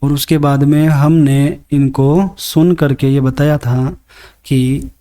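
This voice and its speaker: A man teaching an English worksheet in Hindi, patiently explaining step by step and reading each English sentence slowly before translating it. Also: on the high side, fairly even intonation, dark tone.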